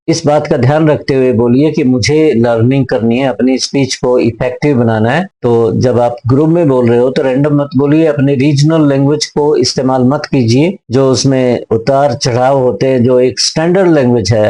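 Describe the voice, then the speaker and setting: Male teacher, mellow tone, reads each tip slowly, then explains and repeats it. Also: mid-range voice, rough recording. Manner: repeats points in several words. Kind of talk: lecture on speaking skills.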